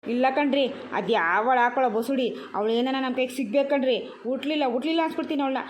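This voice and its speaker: A high-voiced woman talks fast and naturally as she voices a cartoon homeowner in a rage. The character scolds her neighbours and hurls curses at them.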